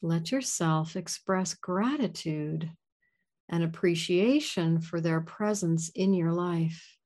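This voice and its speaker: A woman leading a guided gratitude meditation in a soft, soothing voice. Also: fairly low pitch, slow.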